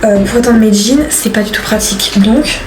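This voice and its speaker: A 19-year-old woman vlogs casually to the camera, upbeat and chatty, with lots of fillers as she shows off her things. Her voice is fairly high and moderately paced, with music playing underneath.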